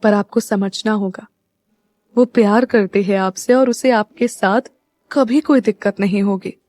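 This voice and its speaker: A woman's voice: mid-range voice, fairly even intonation, measured pace, a little mellow, dry recording, natural voice. A woman narrator voicing a cheerful, playful young woman who teases her family and turns earnest about her brother. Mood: tender, resolute. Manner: bubbly and teasing, earnest when alone.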